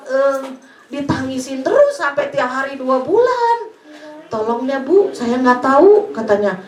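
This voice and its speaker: Woman, preacher, high-pitched, emotive storytelling, echoey room. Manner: storytelling, quoting prayers and dialogue with emotional swings. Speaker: speaker at a church service. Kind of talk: sermon.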